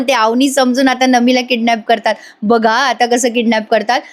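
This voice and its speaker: A woman's voice: on the high side, level tone, normal speed. A woman host giving a chatty voice-over recap of a TV serial, speaking straight to her viewers.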